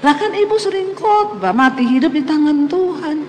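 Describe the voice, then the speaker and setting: High-voiced woman pastor in her fifties. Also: moderate pace. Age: 50s. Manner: lively storytelling, talks straight to the listeners. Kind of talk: testimony sermon. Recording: echoey hall with faint ambience.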